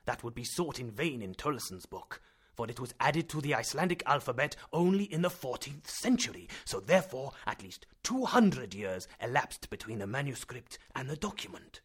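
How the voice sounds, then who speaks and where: A man reading aloud and voicing an excitable elderly male professor who lectures and bursts into loud exclamations. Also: mid-range voice, normal speed, slightly rough. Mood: lecturing.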